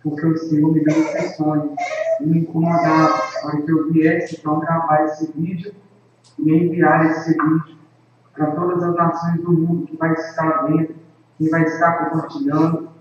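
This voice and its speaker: A man, an evangelist giving an earnest personal testimony to a camera in a solemn, unhurried way with drawn-out emphasis. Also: fairly high pitch, monotone, slight background noise. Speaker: evangelist and worship leader. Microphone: camera microphone. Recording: echoey, distant, dull lo-fi with faint ambience.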